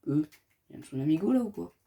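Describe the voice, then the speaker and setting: A man's voice: on the high side, expressive, fast talker, creaky, mellow. A man giving casual game commentary as a gaming youtuber, chatty and rambling, talking straight to his viewers.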